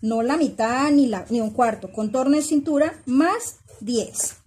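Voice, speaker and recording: A middle-aged woman teaches a pattern-making class in a slightly high, husky voice. She talks her students through each step patiently, repeating the numbers and calling them "my girls". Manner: patient, explains slowly and repeats measurements; addresses students warmly as "my girls". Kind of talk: step-by-step instructional lesson.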